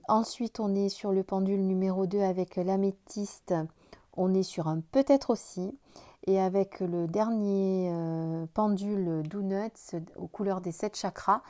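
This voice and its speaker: A tarot card reader, a woman who sounds tired, talks through a reading to camera at an easy pace in a medium-pitched voice. She is gentle and reassuring, though she sometimes stumbles over words and starts again.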